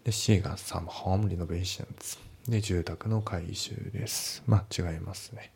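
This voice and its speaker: A man tutoring English test questions in a relaxed, explanatory way with frequent filler words. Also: sits low, unhurried, creaky, slightly rough. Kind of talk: casual spoken lesson.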